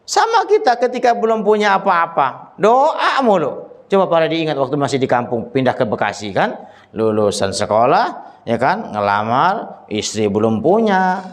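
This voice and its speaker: A man giving a casual religious study sermon, chatty and joking, teasing listeners by name and reciting Arabic verses slowly. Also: a little high, sing-song. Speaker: preacher.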